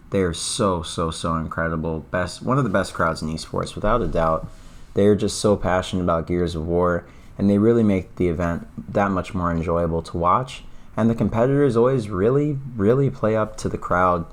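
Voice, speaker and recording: A man from Atlanta, US, hosts his own esports news vlog in a hoarse, worn-out, low-pitched voice. He talks to the camera loosely and casually, full of enthusiasm and fond of doubling up words for emphasis.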